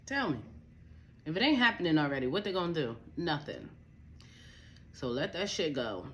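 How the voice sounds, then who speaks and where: A woman's voice: deep voice, very animated, fairly quick, slight background noise. A young woman vlogging a candid personal rant to camera, blunt and profane, telling her story emphatically. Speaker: vlogger, spiritual advisor.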